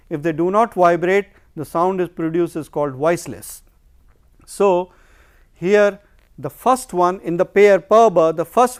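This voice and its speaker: A man's voice: high-pitched, clean tone. A man giving a phonetics lecture, explaining step by step and answering his own questions. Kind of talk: recorded lecture.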